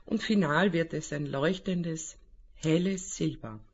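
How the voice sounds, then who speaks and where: A man guides a spiritual meditation in a soothing manner. His voice is husky and a little high, and he speaks very slowly, leaving long pauses between phrases. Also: dull audio. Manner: calm, soothing, unhurried delivery with long pauses.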